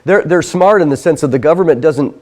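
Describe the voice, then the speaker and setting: A man hosting an interview speaks casually, often chiming in with quick words of agreement. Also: a little high, a little mellow. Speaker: host. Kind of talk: conversational interview discussion.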